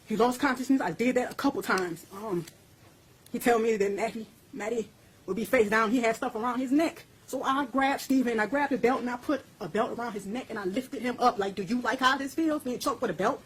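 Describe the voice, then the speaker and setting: A woman's voice: a little high, brisk, slight background noise, low-quality recording. A woman being interviewed, speaking intensely and bluntly, with coarse language and a voice that climbs when she gets heated. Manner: intense, blunt and profane, voice rising as she recounts. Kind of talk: recorded interview.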